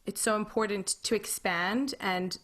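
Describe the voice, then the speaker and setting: A woman's voice: mid-range voice, fairly even intonation, unhurried, a bit bright. A woman speaking earnestly and thoughtfully in an interview.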